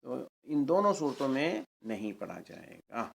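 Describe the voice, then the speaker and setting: A man teaching Quran recitation rules, spelling out letters and vowels syllable by syllable and drawing out the Arabic words slowly. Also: mid-range voice, very animated, vocal fry. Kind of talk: tajweed lesson.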